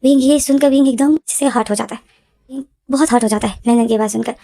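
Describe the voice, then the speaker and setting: A woman's voice: a little high, fast talker, mellow. A woman casually narrating a story in a dramatic way that repeats itself. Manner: repetitive, dramatic retelling. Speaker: fanfiction storyteller.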